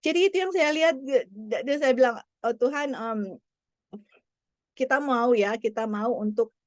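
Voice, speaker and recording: Brief: mother sharing a testimony, earnest and repetitive, fairly high voice, dry close sound. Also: moderate pace, no echo.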